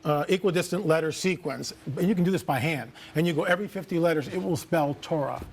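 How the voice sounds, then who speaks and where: A man's voice: a little high, quick pace, gravelly, slightly rough. A man speaking as a guest on a TV interview, telling stories with confident, emphatic statements. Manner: confident storytelling, emphatic, declarative.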